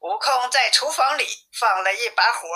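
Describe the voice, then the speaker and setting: A woman reading a classic tale aloud as a storyteller, in a plain, even manner. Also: on the high side, moderate pace.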